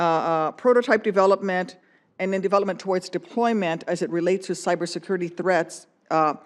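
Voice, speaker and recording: A man with a high-pitched voice addresses a panel of witnesses as a senator. His question is formal and long-winded, winding through clauses with scattered fillers.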